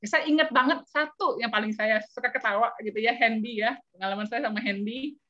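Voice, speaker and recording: A woman hosting an online business talk, telling stories in an animated, chatty way to her audience. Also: fairly high pitch, brisk, dull audio. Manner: animated storytelling with chatty asides. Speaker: business mentor and webinar host.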